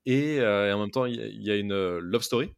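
Male podcast co-host, low voice, dry close mic, halting delivery with many fillers. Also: vocal fry, clear, resonant tone, dry recording. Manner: hesitant, many fillers and restarts, searches for words. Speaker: podcast co-host giving a recommendation. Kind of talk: casual podcast chat.

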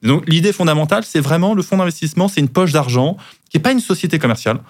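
A man's voice: a little high, fast. A man who is a lawyer, guest on a podcast, explaining things at length with frequent restarts.

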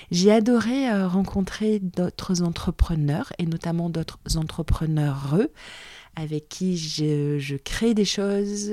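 A woman's voice: lowish voice, warm tone, dry recording. A woman in her forties hosting her own podcast, talking in a chatty, reflective way with many fillers and restarts. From France. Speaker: podcast host, training business owner. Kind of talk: casual solo podcast talk.

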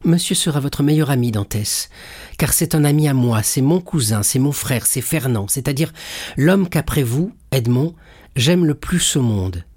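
A man's voice: mid-range voice, expressive, moderate pace, a little mellow, husky, no echo, studio quality, pitched above the performer's own voice. A man reading aloud voices a passionate, loyal young fiancée who pleads with fervor in a storybook. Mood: eager, warm. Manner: fervent, tearful pleading.

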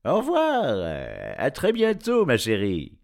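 A man's voice: lowish voice, huge pitch swings, moderate pace, full character voice. A man doing a fussy, chuckling old professor. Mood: excited. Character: excitable old male professor with magic jacket.

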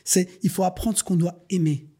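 A Belgian business owner appears as a guest on a podcast, speaking in a high, dark voice with fairly even intonation at a normal speed. He talks earnestly and at length in the casual chat, almost like a sermon, calling his listeners "les gars."

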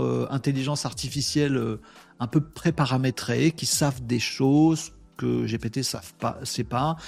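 A man's voice: medium pitch, gravelly. A man hosting a casual live webinar, telling anecdotes with playful sound effects and reading out viewer comments. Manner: lively, animated storytelling with sound effects like "bim"; reads viewer comments aloud. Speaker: host of a daily live webinar. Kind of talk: casual live-stream chat.

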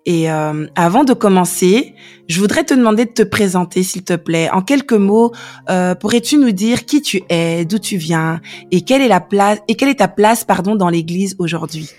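A woman's voice: medium pitch, animated, normal speed, a little mellow, soft background music. A woman hosting a faith podcast, talking in a chatty interview style with frequent fillers and restarts. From Belgium. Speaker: podcast host. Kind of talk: warm conversational podcast interview.

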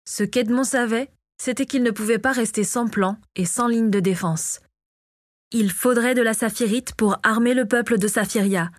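Calm woman narrating an audiobook. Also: a little high, no room sound, clean studio sound. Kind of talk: scripted narration of a fantasy novel.

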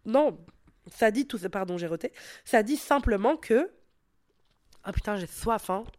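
A woman's voice: mid-range voice, lively intonation, unhurried, darkish tone, no echo. A young woman hosting a casual advice podcast, blunt and playful, swearing freely and talking straight to the listener, a little sick, on a headset mic. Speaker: podcast host.

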